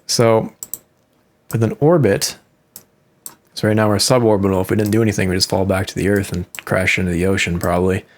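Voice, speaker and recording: A man with a Midwestern accent giving relaxed, rambling commentary while playing a game, explaining as he goes with frequent fillers. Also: low-pitched, brisk, long pauses. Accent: Midwestern American. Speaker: musician and host. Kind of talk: casual gameplay commentary.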